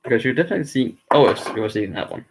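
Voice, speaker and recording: A man's voice: mid-range voice, expressive, rapid-fire, noisy background. Male streamer, casual live hockey reactions, rambling and frustrated with his team, mid-range voice. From Denmark.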